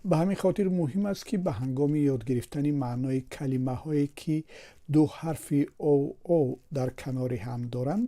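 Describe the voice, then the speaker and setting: A man with a Tajik Persian accent teaches English pronunciation from a word table. He goes slowly, says each word more than once and asks and answers his own questions. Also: mid-range voice, mellow.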